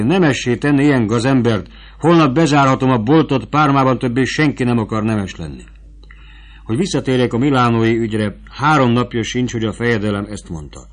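A man's voice: mid-range voice, lightly acted. A man reading as a fawning, scheming court prosecutor. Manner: wheedling and eager to bargain.

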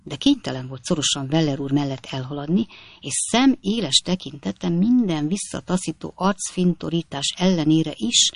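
A man reading an audiobook in a calm, measured way. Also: on the high side, gravelly, no echo, studio quality. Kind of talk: audiobook narration.

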